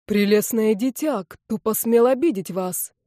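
A woman voicing a young male dragon in human form who speaks slowly, in a gallant, florid way. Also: a little high, mellow, no room sound, studio quality, lightly acted.

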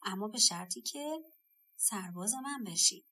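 A woman reading the lines of a calm, determined young boy hero in a storybook, in a lower, softer tone. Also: a little hiss or hum. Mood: calm resolve.

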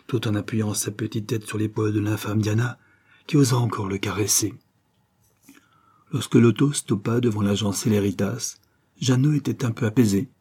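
A man reading a serial novel aloud as an audiobook, in a measured, expressive storytelling manner. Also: on the low side, husky. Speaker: audiobook reader.

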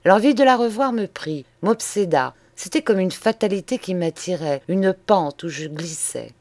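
A woman reading a classic novella aloud in a slow, measured and expressive manner. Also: lowish voice, dry recording. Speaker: audiobook reader. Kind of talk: literary audiobook narration.

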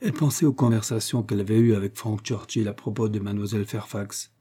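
A man's voice: fairly low pitch, fast talker, dark tone, breathy edge. A man reading a classic novel aloud as narrator, giving the characters a slightly raised voice. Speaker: audiobook reader.

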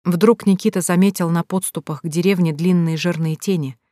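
A woman narrating a fantasy audiobook in a calm, even storytelling manner. Her voice sits fairly low, recorded dry and close with no room echo. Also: brisk. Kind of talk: scripted narration.

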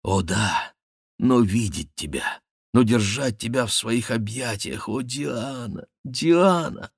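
A man voicing a passionate young nobleman, speaking low and hushed. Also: animated, slow, creaky, slightly rough, no echo, studio quality, heavily acted. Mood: ardent.

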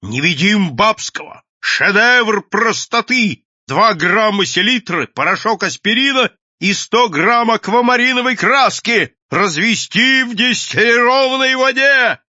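A man's voice: animated, measured pace, sharp tone, no echo, dull audio, full character voice. A man doing a shrieking mad inventor. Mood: boasting. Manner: shrill, frantic, declaiming. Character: crazed naked male inventor, shouting triumphantly.

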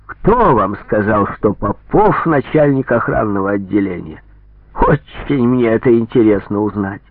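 Stern, mocking interrogator played by a man, sharp pressing questions, lively delivery, phone-like radio audio. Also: lowish voice, a little slow. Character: stern male gendarme interrogator, mocking and harsh. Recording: tinny lo-fi radio broadcast.

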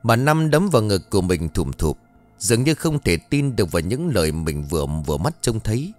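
A man narrating an audio story in a dramatic, expressive reading style. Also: fairly low pitch, a little fast, faint music behind.

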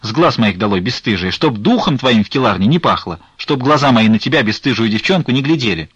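A man's voice: medium pitch, sing-song, fast, husky, dry recording, lo-fi sound. A man voicing a fussy, scolding but kind-hearted old woman nun in an audiobook. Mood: threatening.

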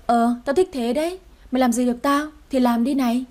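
A woman's voice: high voice, a little fast, darkish tone, lightly acted. A woman doing a rude, spiteful young woman. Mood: sneering. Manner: insulting, sneering.

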